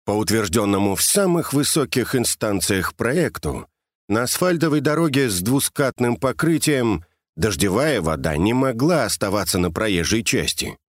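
Low-voiced male audiobook narrator. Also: very animated, moderate pace, no echo, studio quality. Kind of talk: scripted narration of a novel.

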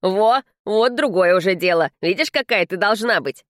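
A woman's voice: medium pitch, lively intonation, normal speed, a bit bright, dry recording, clean studio sound, close to an everyday voice. A woman voicing a scrawny, cheeky male house spirit who sounds like a teen, brash and slangy in an audiobook. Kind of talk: audiobook character reading.

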